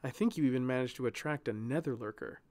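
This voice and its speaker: A man voicing a terse, sharp-tongued young woman guardian in a spoken storybook, low and dry in manner. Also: fast, lightly acted. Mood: dry, curt.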